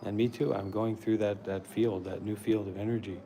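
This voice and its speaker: Warm and level in tone, a Maryland man with a lowish voice streams live on his phone from a meditation center. He speaks at a normal speed, casual and sincere, rambling from one idea to another, with noticeable noise on the stream.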